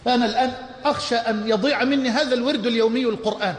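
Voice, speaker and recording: A man with an Egyptian Arabic accent voicing a pious, gentle old man in a sermon story, speaking earnestly. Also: very high-pitched, steady tone, racing, long reverb tail.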